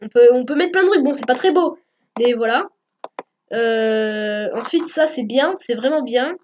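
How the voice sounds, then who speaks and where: A woman's voice: a little high, unhurried, a little mellow, muffled recording, a little hiss or hum. Hesitant woman walking through a tutorial. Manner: hesitant, many fillers, corrects herself often. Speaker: YouTube tutorial maker. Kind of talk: screen-recorded software tutorial. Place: at home.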